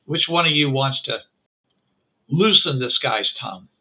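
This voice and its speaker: A man's voice: medium pitch, animated, a little slow. A man voicing a pushy male band leader who presses others to interrogate a captive, in a tabletop game, over a tinny call line. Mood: urging. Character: male leader of a band urging prisoner torture.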